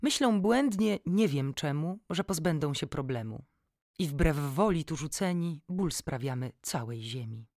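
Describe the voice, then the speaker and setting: A woman's voice: sits low, expressive, measured pace, a little mellow, no room sound, studio quality. A woman voicing a gloomy, sighing female tin can in a children's rhyme, speaking in a solemn, confiding way.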